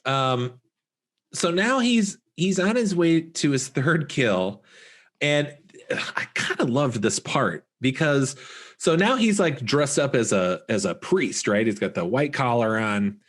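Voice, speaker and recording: A man co-hosting a podcast, casually recapping a horror film, animated and laughing often as he acts out the characters' lines. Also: mid-range voice, slow pace. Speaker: podcast co-host. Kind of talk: casual movie-recap chat.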